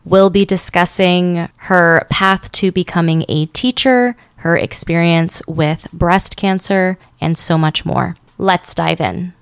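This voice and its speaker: A woman's voice: on the low side, takes it slowly, gravelly, few pauses, smooth, dry recording, clean studio sound. A woman hosting a podcast, welcoming listeners and interviewing a guest in an upbeat way. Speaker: podcast host.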